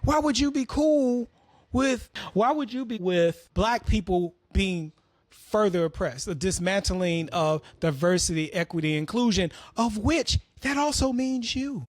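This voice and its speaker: A man's voice: high-pitched, animated, measured pace, no echo. A man hosting an opinionated commentary monologue, talking bluntly and profanely as he tells stories. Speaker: host.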